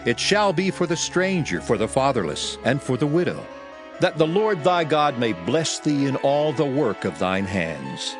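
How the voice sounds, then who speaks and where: Unhurried but highly animated, this medium-pitched man reads as Moses for a dramatized audio Bible, solemnly and commandingly declaiming the law to his people in archaic wording. Music runs under his voice.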